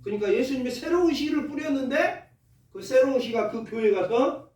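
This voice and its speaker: A Korean pastor with a preaches in a folksy, lively way, throwing rhetorical questions at his congregation. His voice sits high for a man. It rings through an echoey church hall and sounds a little distant from the mic. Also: moderate pace. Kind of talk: sermon. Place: church sanctuary.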